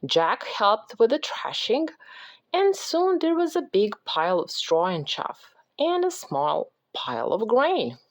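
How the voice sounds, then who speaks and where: A woman reading a children's picture book aloud as a parent, with slow, expressive storytelling. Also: a little high.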